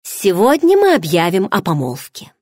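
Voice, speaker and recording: A woman's voice: mid-range voice, wildly swooping pitch, moderate pace, a little mellow, dry recording, clean studio sound. A woman voicing a guarded young heroine who replies with hesitant, restrained answers.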